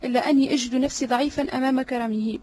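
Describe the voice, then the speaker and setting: A woman voicing a cunning, flattering male servant in an audiobook drama reading, obsequious and sly. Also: sits high, racing, a little hiss or hum, close to an everyday voice.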